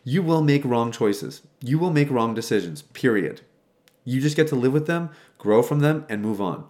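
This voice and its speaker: A man's voice: medium pitch, expressive, normal speed, darkish tone. A man giving upbeat, tidily organised advice like a vlogging coach, direct, encouraging and emphatic, talking casually to viewers. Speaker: self-help coach. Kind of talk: upbeat advice vlog talk, tidy numbered tips.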